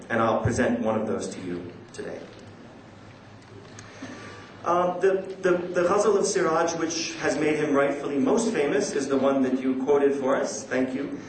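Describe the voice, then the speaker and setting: In a mid-range voice, a man gives a careful, somewhat halting academic talk, presenting a conference paper and reciting poetry, including Urdu lines though he isn't a native Urdu speaker. He's in a large indoor conference hall that sounds very echoey, with faint noise behind him.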